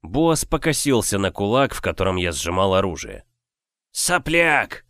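Brief: male audiobook reader, lowish voice, dry close sound. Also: vocal fry, dry recording. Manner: measured, expressive reading. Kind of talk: first-person novel narration.

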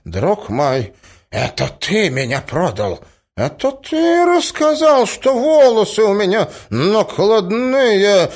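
A man's voice: high-pitched, sing-song, slow, darkish tone, voice pushed up, heavily acted. A man voicing a forgetful, muddled old prince who rambles vaguely and flusters easily. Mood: flustered.

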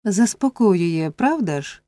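A woman's voice: mid-range voice, lively intonation, slow, mellow, no echo. A woman reading a storybook, voicing a fussy middle-aged matron who speaks breathlessly and theatrically. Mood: coy.

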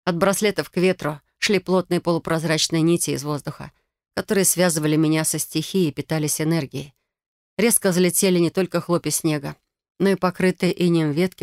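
A woman narrating a first-person fantasy novel in an expressive, emotional reading. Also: sits low, no echo, clean studio sound. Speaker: audiobook reader.

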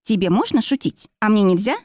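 A woman's voice: mid-range voice, expressive, fairly quick, a little mellow, dry recording, studio quality, natural voice. A woman reading a storybook voice of a curt, snappish, bossy woman friend. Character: dry-witted bossy woman, sharp-tongued friend.

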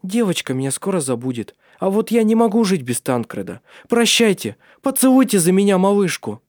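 A man's voice: sits high, big pitch swings, brisk, a little mellow, no room sound, studio quality, voice pushed up. A man voicing an anxious, tender young woman in love, with trembling pleas, in an audiobook. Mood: emotional.

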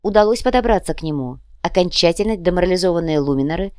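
A woman narrating an urban fantasy audiobook with a steady, even reading. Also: fairly low pitch, fast, no room sound, studio quality.

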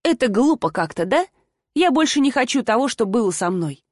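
A woman voicing a timid young woman student who speaks softly and hesitantly, in an audiobook. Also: fairly high pitch, sing-song, fairly quick, no room sound, studio quality. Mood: unsure. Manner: soft-spoken, hesitant. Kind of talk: audiobook character voice.

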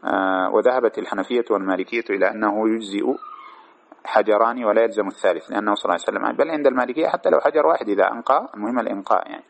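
Fast-talking man teaching a class. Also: lowish voice, gravelly, a little hiss or hum. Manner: fast, checks understanding with asides to students. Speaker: teacher of hadith commentary. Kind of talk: classroom lesson, reading and explaining a text.

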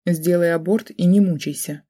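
A cold, contemptuous middle-aged mother in an audiobook, voiced by a woman reader. She talks in a sarcastic, scornful way, with a dark, husky tone. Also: fairly low pitch, steady tone, normal speed, close to an everyday voice.

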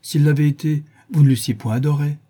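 A man voicing a witty, cynical aristocratic gentleman who trades languid paradoxical quips. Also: on the high side, steady tone, fairly quick, slightly rough, pitched above the performer's own voice. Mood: wry.

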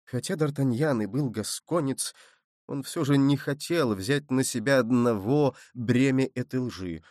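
Man, audiobook narration, measured, expressive, dry close sound. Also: mid-range voice, no echo. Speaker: audiobook reader. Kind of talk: scripted narration.

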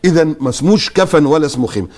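A man with an Egyptian accent, a guest preacher giving animated commentary and mock-quoting his opponents. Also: on the high side, rapid-fire. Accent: Egyptian Arabic. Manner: lively, mock-quotes opponents. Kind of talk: animated religious talk-show commentary.

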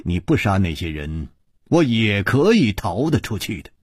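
A man voicing a calm, clever male swordsman hero who reasons things through with small scoffs. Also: on the low side, slightly rough, dry recording, studio quality. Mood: reasoning. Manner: measured, reasoning, with little scoffs.

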